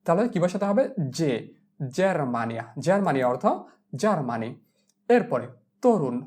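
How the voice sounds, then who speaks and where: A man teaching a language lesson, spelling each word letter by letter and repeating it slowly. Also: fairly high pitch, sing-song, darkish tone. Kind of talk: classroom lesson explaining pronunciation.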